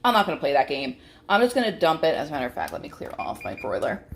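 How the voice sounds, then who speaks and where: Her voice is low-pitched and creaky, with huge swings in pitch, and she talks fast. She's a food vlogger sharing meals and recipes in a chatty cook-with-me style, frequently interrupting herself with offhand asides.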